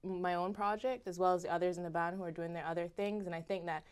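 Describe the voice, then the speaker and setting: A young woman from Barbados with a Barbadian accent, talking in a casual interview. Her voice is smooth and resonant and sits on the low side. She speaks expressively and lifts her voice when she gets excited. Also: quick pace. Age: young adult. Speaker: guest singer.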